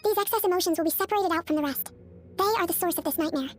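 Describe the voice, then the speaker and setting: A woman playing a composed, caring young female healer in a video game, explaining things gently. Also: extremely high pitch, very fast. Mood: earnest. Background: game music.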